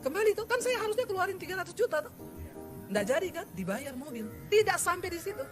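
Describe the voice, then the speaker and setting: A middle-aged woman pastor preaching a sermon with a personal testimony, animated and lively, slipping into the voices of the people she quotes. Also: very high-pitched, fast talker, music in the background. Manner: animated storytelling, mimics quoted voices, exclaims and laughs.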